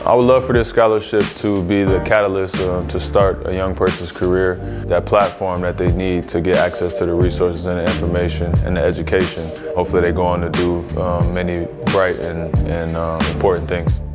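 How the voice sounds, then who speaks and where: A man making a measured, steady statement in a social media video. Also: low-pitched. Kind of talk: prepared statement. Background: guitar music.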